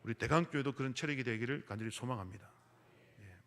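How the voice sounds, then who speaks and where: A man's voice: mid-range voice, fast, fairly bright tone. A middle-aged man preaching a Sunday sermon as pastor, telling a story and acting out the voices in it. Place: large church sanctuary. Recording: long hall reverb.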